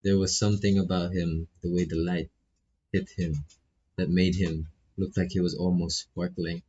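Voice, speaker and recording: Streaming a visual novel, a man whose first language isn't English reads the game text aloud, tripping over and repeating phrases and making casual asides. He speaks low and flat at a moderate pace, his dark tone carrying a breathy edge, through a dull, lo-fi mic.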